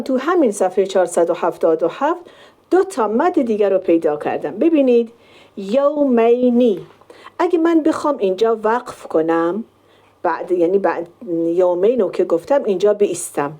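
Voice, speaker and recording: A woman teaching a Quran recitation lesson, explaining step by step and drawing out the sample words slowly. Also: medium pitch, warm tone.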